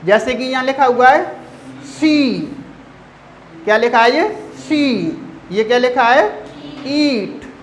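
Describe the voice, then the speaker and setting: A man's voice: extremely high pitch, a little hiss or hum, low-quality recording. A male teacher giving a phonetics lesson. He calls his listeners friends, stretches out his example words, and asks a question before answering it himself. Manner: drawn-out word examples. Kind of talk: phonetics lesson for exam students.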